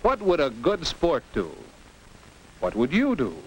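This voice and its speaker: A husky, unhurried voice on the high side belongs to an animated American man narrating a vintage 1950s classroom film for teens. His scripted, didactic instructional narration poses rhetorical questions and exclaims like a game commentator, over a noisy old soundtrack.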